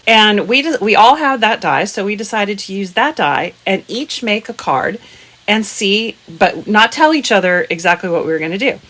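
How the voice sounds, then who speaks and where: A woman's voice: mid-range voice, expressive, moderate pace, a bit bright, low-quality recording. A woman hosting a crafting show in a casual chat with friends. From US West Coast.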